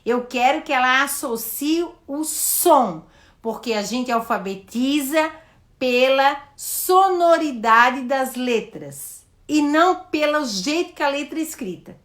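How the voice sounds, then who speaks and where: A Brazilian woman teaching in a live session, modelling the questions she asks a child and explaining each step with slow, stressed words. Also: high-pitched, animated, fairly bright tone. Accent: Brazilian Portuguese. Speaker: educator hosting a live session.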